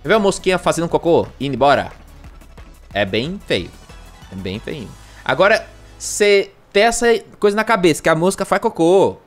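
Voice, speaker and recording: A man's voice: fairly high pitch, big pitch swings, normal speed, soft background music. A man with a Brazilian accent chatting casually on a gaming livestream, rambling and joking at himself. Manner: rambling, jokey, self-mocking.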